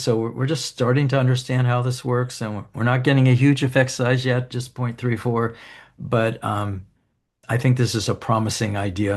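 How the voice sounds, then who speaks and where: A man giving an academic keynote lecture, explaining studies in a relaxed way with frequent ums and restarts. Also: medium pitch. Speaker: keynote speaker. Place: conference hall.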